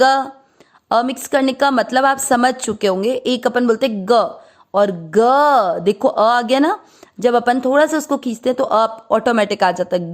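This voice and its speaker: Slow, patient woman teaching pronunciation. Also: on the high side. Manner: slow, syllable-by-syllable, drawn-out recitation.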